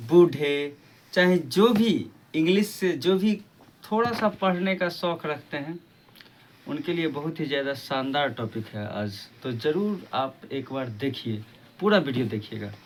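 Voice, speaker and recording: A man's voice: a little high, animated, a little slow, far from the mic, slight background noise. A man teaching English pronunciation rules on his video channel, patiently repeating each example and asking rhetorical questions. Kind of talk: explaining a lesson on his channel.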